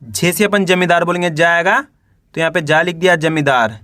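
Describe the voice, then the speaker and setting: A man's voice: on the high side, moderate pace, bright, forceful tone, no echo, clean studio sound. A man teaching beginners to read and spell, sounding out each word syllable by syllable and asking the learner questions as he goes. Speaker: Hindi reading teacher.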